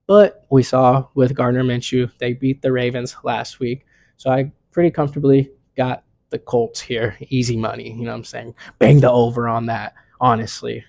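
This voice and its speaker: Young man, sports picks vlog host, laid-back slangy chatter, gravelly low-key tone, dry close sound. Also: a little mellow, no room sound. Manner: laid-back slangy, says "you know what I'm saying" a lot. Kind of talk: casual sports picks talk.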